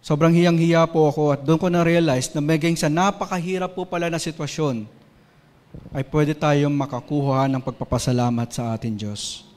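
Filipino guy giving a sermon, kinda high voice, earnest and personal, big echoey church hall. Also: fairly even intonation, normal speed, darkish tone. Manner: earnest, personal storytelling, rising to emotional intensity. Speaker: preacher. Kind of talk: sermon mixing Tagalog and English. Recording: long hall reverb.

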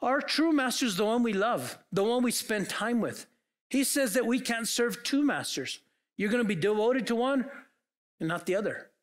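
A man's voice: very high voice, lively intonation, moderate pace. A man preaching a sermon as pastor, earnest and full of rhetorical questions put to the congregation. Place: church.

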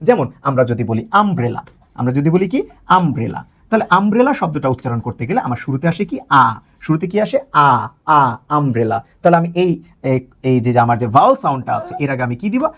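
A man's voice: on the high side, very animated. A man with a Bangladeshi accent teaching a grammar lesson, quizzing viewers with questions and answering them himself. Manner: drawn-out stressed example words. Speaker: English teacher.

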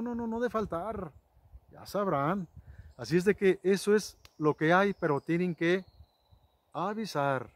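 Folksy high-voiced man. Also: dry recording. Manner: rambling, folksy, many restarts and asides to viewers. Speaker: vlogger telling ranch stories. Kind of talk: casual storytelling to camera.

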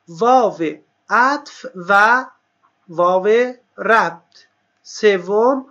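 High, bright-voiced male teacher. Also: muffled recording. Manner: stresses key terms slowly, asks and answers his own questions. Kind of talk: exam review lesson.

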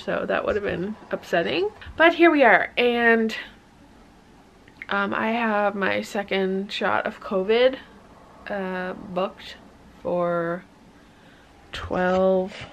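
Rambling young woman with a gravelly voice. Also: medium pitch, a bit bright. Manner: rambling, filler-heavy, candid. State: out of breath. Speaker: vlogger. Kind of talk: casual vlog chat. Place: hunting blind outdoors; home indoors.

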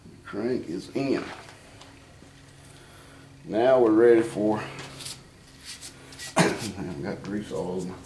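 A man's voice: fairly low pitch, extremely slow, pauses often, darkish tone, slight background noise. A man casually explaining an engine job as he works, thinking aloud and muttering to himself in a dim workshop. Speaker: home mechanic. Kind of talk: casual how-to demonstration.

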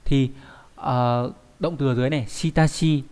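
A young adult man leads a vocabulary lesson in a patient, explanatory way. His voice sits at an ordinary middle pitch. He keeps checking in with his students through little rhetorical questions. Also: steady tone, normal speed, darkish tone, clear, resonant tone. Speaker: Japanese language teacher.

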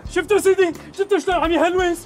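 An actor playing a smooth-talking con man who apologises too much, with a Syrian accent, in a TV comedy sketch. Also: high-pitched, faint music behind, lightly acted. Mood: indignant. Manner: fast, ingratiating and overly apologetic. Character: smooth-talking male con man posing as a returnee from abroad. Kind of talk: Levantine TV comedy acting.

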